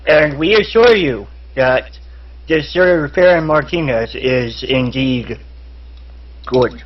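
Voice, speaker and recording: A man's voice: mid-range voice, slow pace. A man playing a tabletop game, speaking earnestly in character, in a dull lo-fi recording. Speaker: player. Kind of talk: casual tabletop game chat.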